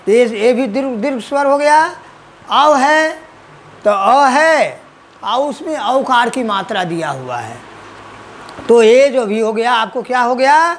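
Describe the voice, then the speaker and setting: A man's voice: extremely high pitch, big pitch swings, slow, a bit bright, slight background noise. A male school teacher giving an online grammar lesson, repeating his own questions and answers for students.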